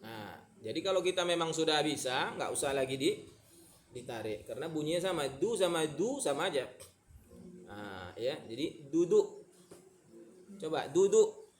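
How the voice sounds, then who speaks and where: A male teacher giving a recitation pronunciation lesson, repeating syllables slowly for his students to copy. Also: on the high side, big pitch swings. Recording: echoey room.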